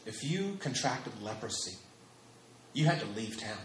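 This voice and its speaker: Lively, emphatic male preacher. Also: on the low side, a little slow, a little hiss or hum. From United States. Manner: emphatic, repeats phrases for stress. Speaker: pastor. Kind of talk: sermon. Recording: echoey hall with faint ambience.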